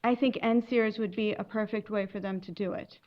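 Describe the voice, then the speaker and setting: A woman from Lebanon speaking on a legal panel, earnest and emphatic, pausing and correcting herself as she explains. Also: mid-range voice, steady tone, dull audio. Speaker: immigration attorney on a panel. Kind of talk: panel talk to an audience.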